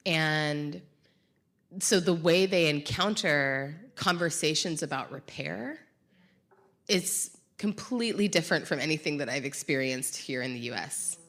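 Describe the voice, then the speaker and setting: A woman's voice: low voice, measured pace, fairly bright tone. A woman co-hosting a live conversation on stage, speaking reflectively and searching for her words. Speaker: podcast co-host. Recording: uneven live-show sound.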